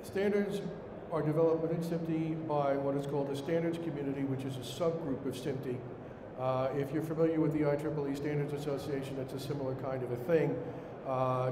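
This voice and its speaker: Echoey middle-aged man with a Brooklyn accent. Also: mid-range voice. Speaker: conference speaker standing in for a director. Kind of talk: formal slide presentation. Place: indoor conference room with seated audience. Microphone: podium microphone, later picked up by hand. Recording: echoey hall, noisy room ambience.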